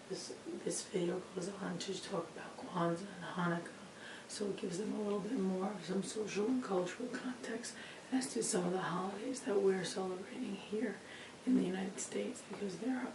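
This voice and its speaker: A woman teacher presenting a lesson informally, her lost voice hoarse, croaky and effortful, often breaking into a breathy whisper. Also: medium pitch. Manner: effortful, pushing to be heard. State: hoarse, strained, breaking voice from voice loss. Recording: roomy, distant mic with clear background noise.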